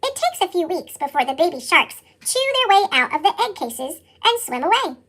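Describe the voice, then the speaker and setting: Chipmunk-effect reader, squeaky and very high, lively sing-song read-aloud. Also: normal speed. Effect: sped-up chipmunk voice. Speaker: storybook reader. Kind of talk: reading a nonfiction picture book aloud.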